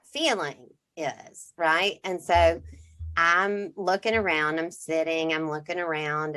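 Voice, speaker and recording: A middle-aged woman co-hosting a podcast tells a personal story in casual chat, acting out what people said and restarting sentences. Her voice is deep and a bit bright.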